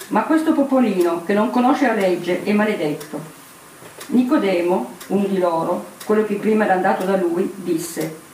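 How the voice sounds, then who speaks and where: Female scripture reader, calm unhurried delivery, recorded from afar in a reverberant room. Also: mid-range voice. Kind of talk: reading scripture aloud. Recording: echoey room, distant mic, faint noise.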